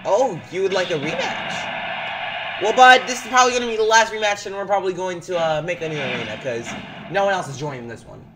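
A gameplay commentator excitedly cheering on a computer-controlled fighter, with frequent hyped outbursts. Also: medium pitch, a little fast, noisy background. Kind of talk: excited let's-play commentary. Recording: game music loud behind voice. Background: game music.

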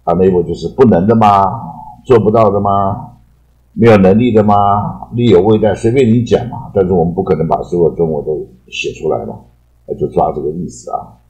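A man from Taiwan teaching English vocabulary in a rambling lecture, loosely explaining words and padding his sentences with drawn-out particles. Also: low-pitched, warm tone, poor audio.

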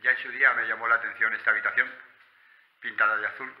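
Low-voiced Spanish man, muffled night vlog. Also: level tone, quick pace. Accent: Spanish, from Spain. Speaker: urban exploration vlogger. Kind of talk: hushed narration of a night exploration vlog. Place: on foot at night among abandoned rural buildings and woods.

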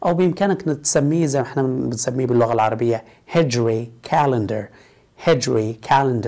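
A man teaching English vocabulary in Arabic, saying each English word slowly several times in a row and explaining in quick, relaxed conversational Arabic. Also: mid-range voice. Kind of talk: vocabulary lesson in Arabic with English drill words.

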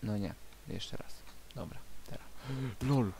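A man with a lowish, creaky voice in casual gaming chat. He swears freely, and the voice chat is clearly noisy and hissy. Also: slow pace. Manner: crude, swearing. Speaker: video game player.

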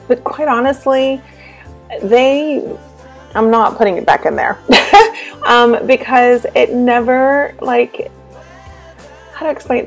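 A woman in her thirties chatting casually in a voice-over about her kitchen decor, with plenty of ums and asides. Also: on the high side. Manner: chatty, with frequent um fillers and asides. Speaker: home cleaning and decor vlogger.

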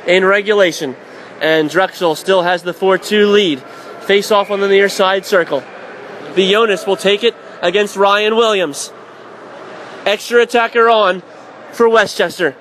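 This young play-by-play announcer works a hockey game for college radio, broadcasting from a press box as arena noise roars around him. His high-pitched calls come quickly and excitedly, tracking each pass and shot, then burst into shouts on goals.

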